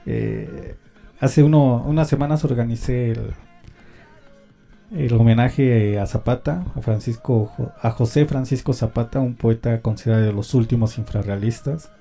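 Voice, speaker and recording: A man's voice: medium pitch, lively intonation, normal speed, creaky, warm tone, soft background music. A Mexican man hosting a homemade radio show, telling a personal story in a rambling, slangy way full of fillers. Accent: Mexican Spanish. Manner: slangy, rambling, many fillers and tag questions. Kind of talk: casual storytelling monologue.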